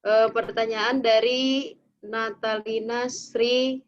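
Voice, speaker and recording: A woman's voice: a little high, flat delivery. Polite woman moderator on a muffled call. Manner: brisk, polite, uses fillers like "oke, baik". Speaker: session moderator. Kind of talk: moderating an online Q&A. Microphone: video call. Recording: muffled video call audio.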